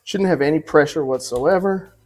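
A man in his forties walks viewers through a recipe in his home kitchen, relaxed and chatty, often checking in with a quick "right?". His voice sits a little higher than most men's. Soft music plays faintly under the talk. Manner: easygoing, chatty, tosses in asides and "right?". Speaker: cooking show host. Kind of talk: relaxed cooking demonstration.

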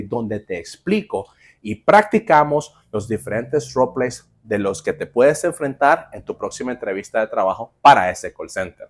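A male teacher gives an online lesson and talks straight to the viewer. His pitch rises and falls a great deal, and it sits in the middle of the range. He sounds lively and makes playful promises. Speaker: English teacher for call center jobs.

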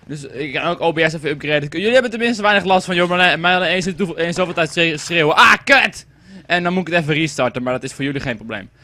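A man's voice: on the high side, very fast, few pauses, pushed and bright. A young man giving casual, rambling commentary while playing a game, and swearing when it lags. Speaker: gaming commentator. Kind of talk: casual let's-play commentary.

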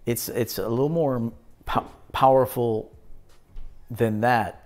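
With a mid-range voice, fairly even intonation, and a slow pace, a man in his thirties hosts a live stream in a small indoor studio. He casually handles viewer comments, staying laid-back and shouting out viewers by name.

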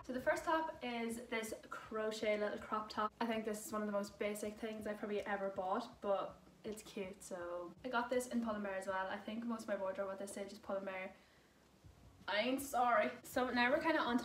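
A woman's voice: on the high side, recorded from a distance. A young woman chatting casually through a clothing try-on haul, full of "like" fillers. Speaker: fashion vlogger. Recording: roomy echo, voice away from mic, faint noise.

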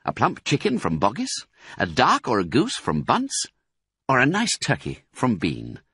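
A man's voice: medium pitch, wildly swooping pitch, measured pace, sharp tone, husky, dry recording, clean studio sound, voice pushed up, full character voice. A man doing a cocky, charming fox. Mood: fond, boastful. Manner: cocky, affectionate. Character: sly, charming male fox, a devoted husband.

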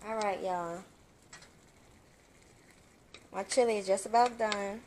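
Filmed by a fixed camera on the far side of her home kitchen, a young woman talks chattily to viewers as she cooks for a casual vlog. Her medium-pitched voice is darkish, fairly even, and slow. The recording is noisy and echoey, the mic distant.

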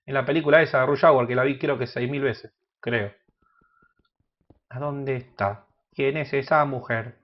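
A man with an Argentine Spanish accent giving crude, joking gameplay commentary that bursts into loud shouts. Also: mid-range voice, dull audio. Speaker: gaming youtuber.

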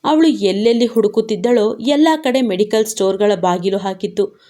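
A woman narrating a serialized romance story in a steady storytelling voice. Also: medium pitch, moderate pace.

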